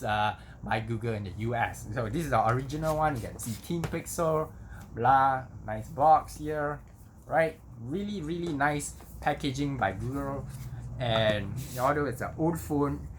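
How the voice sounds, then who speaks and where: A man's voice: medium pitch, a bit bright. Man vlogging over noticeable background noise. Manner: conversational, repeats himself with tag words like okay and right. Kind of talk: casual unboxing vlog.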